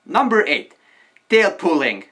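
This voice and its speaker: Man, muffled through a fursuit head, lively bright delivery, blunt and joking. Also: high-pitched, slow. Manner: joking, blunt, swears for emphasis. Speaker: vlogger giving fursuit tips. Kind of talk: casual tips video.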